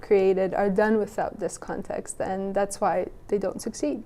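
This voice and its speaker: A woman's voice: medium pitch, flat delivery, measured pace, dark tone, a little hiss or hum. A young woman from Western Bosnia, answering interview questions thoughtfully, with frequent restarts. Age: young adult. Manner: thoughtful, many restarts and "you know". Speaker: guest.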